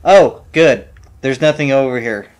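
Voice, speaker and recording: A man casually commentating his own shooter playthrough, animated and swearing, cracking jokes. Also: mid-range voice, a little slow. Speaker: gamer playing through a shooter.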